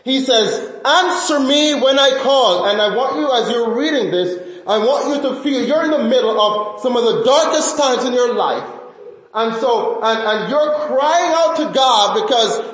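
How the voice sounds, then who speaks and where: A man preaching in a church sanctuary, his voice sitting high for a man. He speaks earnestly, repeating key phrases and stumbling through fillers and restarts. The sound is very echoey, with a long reverb trailing off each phrase. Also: lively intonation, unhurried. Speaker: pastor. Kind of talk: sermon.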